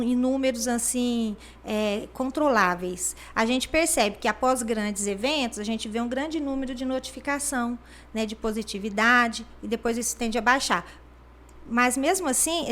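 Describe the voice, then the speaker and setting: Speaking at a normal speed, this Brazilian woman has a slightly high, somewhat bright voice. She's a regional health superintendent interviewed as a guest, explaining matters with frequent fillers like "né" and acting out quoted people.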